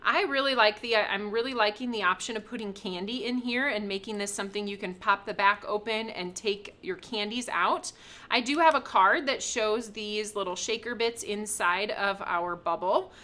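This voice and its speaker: A woman's voice: mid-range voice, moderate pace, sharp tone. A woman hosting a live craft product reveal, chatty and upbeat, laughing often as she shows items. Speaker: craft shop host.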